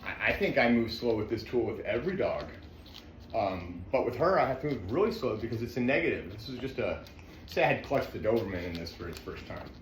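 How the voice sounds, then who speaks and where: Guy dog trainer narrating his session, calm and coaxing, roomy echo. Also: mid-range voice, fairly quick, a little hiss or hum. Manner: calm, coaxing praise mixed with explanation to viewers. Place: indoor room with a dog.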